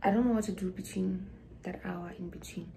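This young South African woman has a lowish, gravelly, dark voice with a steady tone, talking a little fast as she vlogs casually to her phone at arm's length in a small dorm room. A student, she rambles and drops into whispered asides; the low-quality recording carries slight background noise.

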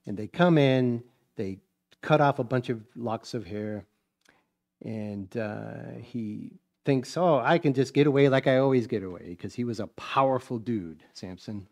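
A man's voice: medium pitch, measured pace, darkish tone. Folksy male preacher telling a story. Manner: folksy storytelling, acts out scenes, chuckles often. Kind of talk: sermon. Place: church.

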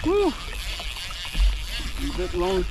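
An older man narrating casually as he fights fish from a kayak on a lake, whooping with excitement, recorded on a mounted camera. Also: sits high, drawn-out words, music in the background. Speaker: fishing vlogger. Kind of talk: casual narration while fishing. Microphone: action camera mounted on kayak.

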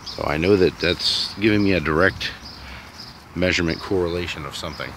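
A DIY vlogger with a deep voice films himself on his phone in a sunny yard, thinking aloud at a brisk pace in a rambling, uncertain way. There is noise in the background.

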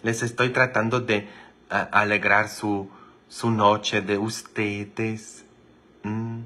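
A man's voice: lowish voice, flat delivery, takes it slowly, sharp tone. A priest telling jokes on a livestream, teasing and quizzing his viewers. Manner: teasing, chatty, asks viewers many questions. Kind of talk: joke-telling livestream chat.

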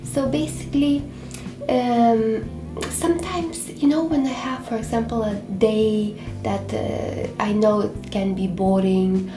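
Speaking slowly with a slightly high voice and fairly even intonation, a young woman from Lithuania talks to camera for her beauty vlog. She hesitates often, filling gaps and restarting lines. The small indoor home room gives a roomy sound, with soft background music.

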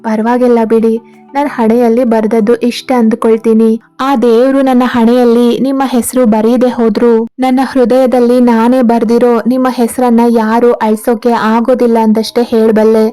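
A woman's voice: fairly high pitch, level tone, normal speed, dark tone, soft background music, close to an everyday voice. A woman voicing a devoted young man who earnestly pleads his love, in a read-aloud story. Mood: tender. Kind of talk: storybook narration.

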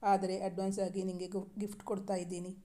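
A tender young husband in a storybook reading, coaxing and teasing his wife in a quiet, even voice, as a woman reader puts him on. The tone stays dark and mellow and barely rises or falls. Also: medium pitch, a little fast, lightly acted.

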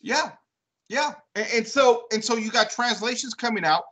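A man's voice: extremely high pitch, moderate pace, bright, forceful tone, rough recording. A man co-hosting a casual religious discussion, thinking aloud and checking in with repeated "right?". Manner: thoughtful, builds questions with repeated "right?". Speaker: co-host.

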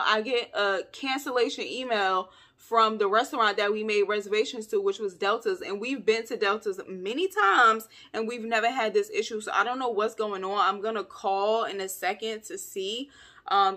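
Bright-voiced chatty woman vlogging. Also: medium pitch. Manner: chatty, animated, playful asides. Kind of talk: casual vlog chat to camera.

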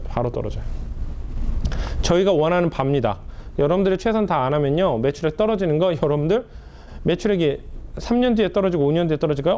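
A man's voice: warm tone, slight background noise. A man in his forties giving an emphatic, conversational business lecture in a classroom, pacing in front of a whiteboard and dropping his voice at the end of each point. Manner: emphatic, conversational, drops pitch at ends of points; paces back and forth while talking.

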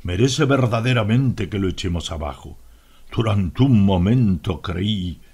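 A man's voice: fairly low pitch, animated, unhurried, a little mellow, breathy edge, heavily acted. Man playing stern inspector Garrett. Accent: Latin American Spanish. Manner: curt, disapproving.

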